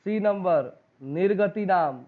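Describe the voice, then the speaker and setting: In a thin, tinny, phone-like recording, a high-voiced man with a Bihari Hindi accent takes his students through exam preparation. He is animated yet slow, reading questions and options aloud, quizzing the class and echoing their answers.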